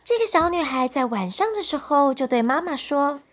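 Lady reading a bedtime story to kids, high voice bouncing all over, super animated. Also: moderate pace. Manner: warm, animated, speaks to children directly. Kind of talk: bedtime story narration for children.

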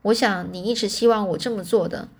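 A woman's voice: medium pitch, a little fast, slightly rough. A woman reading a young boy's lines from a storybook in her own plain voice, earnestly, with small restarts. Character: earnest boy, a determined young grandson.

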